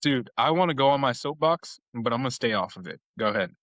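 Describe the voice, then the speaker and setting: A young man co-hosting a casual podcast, telling animated stories and giving playful shout-outs. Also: mid-range voice, fast, no echo, rough recording. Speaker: podcast co-host.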